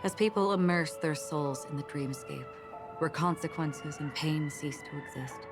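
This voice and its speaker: A calm, cryptic swordswoman. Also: deep voice, normal speed. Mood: calm, detached. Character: calm, cryptic young swordswoman, detached and forgetful. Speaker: game character voice. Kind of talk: game cutscene dialogue. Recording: game audio under a score. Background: game music.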